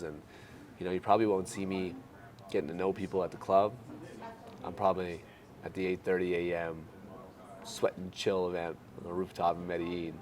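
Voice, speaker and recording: A man in his late twenties from Canada, talking casually and earnestly to the camera in a travel vlog. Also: deep voice. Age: 20s. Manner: earnest, reflective, upbeat. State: out of breath. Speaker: vlogger. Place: traveling abroad, outdoors and in.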